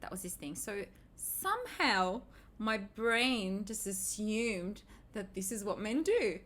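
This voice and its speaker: A woman's voice: medium pitch, big pitch swings, slow, fairly bright tone. A woman co-hosting a podcast, telling a personal story in a candid, wry tone during casual chat. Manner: candid, wry, laughs a lot. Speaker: podcast co-host.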